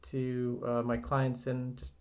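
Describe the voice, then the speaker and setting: Brief: nutrition coach from Portugal, flat delivery, reflective and measured, many "uh"s. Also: male voice, medium pitch. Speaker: nutrition coach, podcast guest. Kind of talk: casual conversational podcast.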